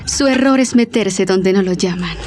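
A woman's voice: mid-range voice, normal speed, darkish tone, natural voice. An actress playing a villain's mocking, obedient henchwoman in a radio serial, sly and taunting.

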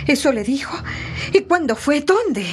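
Radio drama: a tender young mother, unhurried and halting. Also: high-pitched, big pitch swings, slight background noise. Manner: tender, hesitant, repeating words. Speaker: mother character.

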